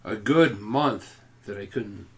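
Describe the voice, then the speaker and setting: A man's voice: on the low side, takes it slowly, fairly bright tone. A man co-hosting a casual home podcast, rambling with many fillers and restarts. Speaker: podcast co-host. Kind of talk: casual chat.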